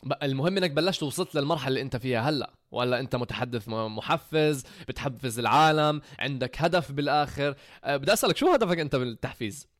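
A man hosting a casual chat, quick and animated, acting out quotes as he talks. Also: medium pitch, no echo, clean studio sound. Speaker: content creator hosting a conversation.

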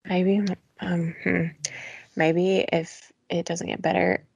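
Husky, gravelly young woman co-host. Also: on the low side, level tone, takes it slowly, darkish tone, dry recording. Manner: easygoing, laughs often, keeps the show moving. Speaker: podcast co-host. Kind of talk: casual chat.

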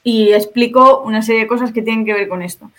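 A woman with a Spain Spanish accent speaks quickly in a high, steady, slightly bright voice. She's a video creator appearing as a podcast guest, methodically explaining her points one at a time.

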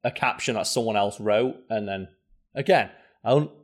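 A man co-hosting a podcast in casual chat, animated and swearing, his voice jumping up when he mimics people. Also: normal speed. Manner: animated, swearing, pitch jumping up in mock quotes. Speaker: podcast co-host.

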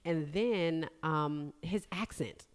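A woman of forty in casual chat as a podcast host, speaking in an expressive, effusive way. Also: low-pitched, slow. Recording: long hollow reverb.

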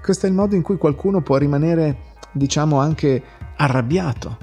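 A man speaks in a gravelly, husky voice at a middling pitch, gentle and unhurried as he leads a reflective self-help lesson. Faint soft music plays behind him. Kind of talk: calm guided talk on self-compassion.

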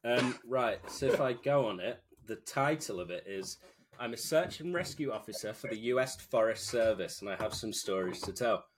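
A man's voice: medium pitch, expressive, normal speed, noisy background. A British man co-hosting casually, talking in an informal, joking way. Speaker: podcast co-host. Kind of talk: casual chat with reading aloud.

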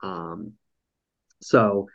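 A man's voice: low-pitched, fairly even intonation, drawn-out words, gravelly, a bit bright, highs cut off. A man with a nasal voice, hosting a casual podcast chat over an online call, rambling through a recap with lots of ums and dry jokes. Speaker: podcast host recapping a reality show.

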